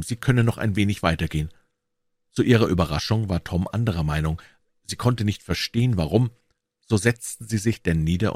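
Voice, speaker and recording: Deep-voiced male storyteller, dry sound. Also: no room sound. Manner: measured, expressive. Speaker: narrator. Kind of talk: storybook reading.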